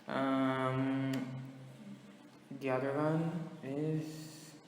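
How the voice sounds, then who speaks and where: A man teaching an English lesson with a Brazilian Portuguese accent, slow and patient as he moves between Portuguese and English. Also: medium pitch, little pitch movement, slight background noise. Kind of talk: recorded online lesson. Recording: echoey room with long reverb.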